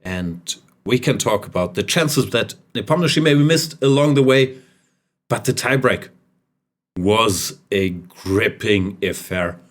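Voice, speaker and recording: A man's voice: on the low side, slow pace. Wry man hosting a chess podcast. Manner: wry, joking, animated. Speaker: podcast host. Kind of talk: casual chess podcast chat.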